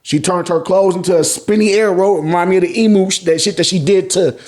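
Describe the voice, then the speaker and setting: With a high-pitched, darkish voice held at a steady tone, an American man moves a little fast through his manga review show. His chapter recap is slangy and casual, full of free swearing and repeated phrases for emphasis.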